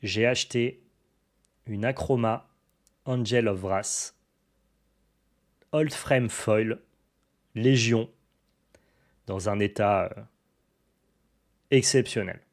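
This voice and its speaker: In a fairly low voice, extremely slowly and with frequent pauses, a young adult card-collecting YouTuber eagerly chats to camera about the cards he's bought. His casual talk is peppered with fillers and restarts.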